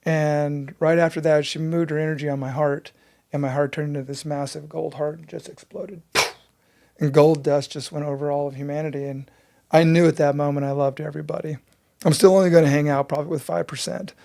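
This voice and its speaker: A man's voice: a little high, flat delivery, a little fast, vocal fry, warm tone. A man in his fifties, a breathwork teacher telling his story with earnest intensity in an interview.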